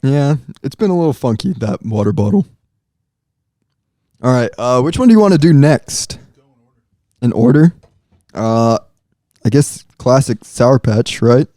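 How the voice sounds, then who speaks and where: A man's voice: mid-range voice, animated, unhurried, pauses often, warm tone, dry recording, clean studio sound. A man co-hosting a casual podcast, talking while eating sour candy and rating it with enthusiasm. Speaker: podcast co-host. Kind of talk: casual chat, taste-testing sour candy.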